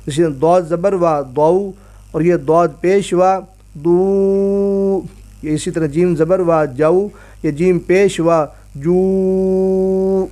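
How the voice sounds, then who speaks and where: A man teaching Quran reading in a recorded lesson, patiently sounding out each syllable slowly and drawing out the long vowels. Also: fairly high pitch, fairly even intonation, mellow. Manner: clears throat now and then.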